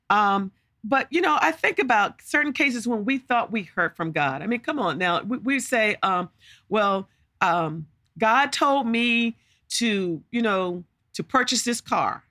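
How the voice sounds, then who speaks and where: Bright-voiced woman preaching. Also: on the high side, dry recording, studio quality. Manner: emphatic, repeats words, asks rhetorical questions. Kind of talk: podcast sermon teaching.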